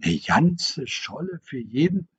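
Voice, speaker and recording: A man voicing a quick-witted, cheerful young woman with brisk, spirited speech, on a dull lo-fi recording. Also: a little high, very animated, slightly rough, no room sound, full character voice.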